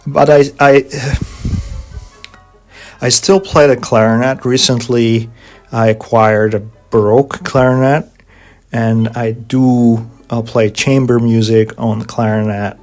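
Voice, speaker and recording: A middle-aged Hungarian man, a guest organist and composer, answering interview questions in measured English with frequent pauses and fillers. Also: medium pitch, fairly even intonation, faint music behind.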